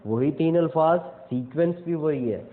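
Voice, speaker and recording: A man's voice: a little high, a little slow. A young man, giving a casual instructional talk and explaining step by step with frequent check-ins. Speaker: self-improvement speaker. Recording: tinny phone-like audio.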